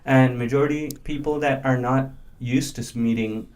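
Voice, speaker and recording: Speaking at a normal speed in a mid-range, steady, a little mellow voice, this guest is in his early thirties and was raised in India. Thoughtful and casual, he works through ideas aloud, often using fillers and restarting sentences.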